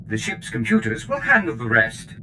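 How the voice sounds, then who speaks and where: A man with a fairly low voice and wide pitch swings plays a fussy steward droid aboard a ship in a video game, at a moderate pace. He sounds eager and servile, formal and obsequious, proud of the service he gives. Music and background noise sit behind him.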